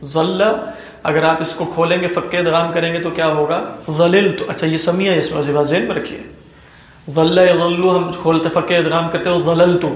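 A male Quran teacher giving a classroom lecture, quizzing his students and then answering himself, reciting Arabic slowly and deliberately. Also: on the high side. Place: lecture room at an academy. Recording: echoey room.

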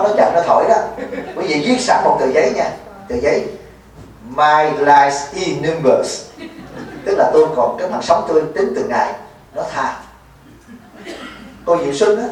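A man's voice: fairly high pitch, a little mellow. A man, a Buddhist monk giving a folksy dharma talk at a retreat, teasing and quizzing his listeners. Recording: echoey hall, mic far off, faint noise.

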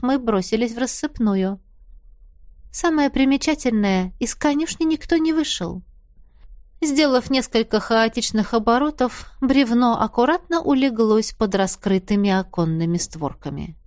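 A woman narrating a first-person fairy tale audiobook in a lively, expressive way. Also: a little high, no echo, studio quality.

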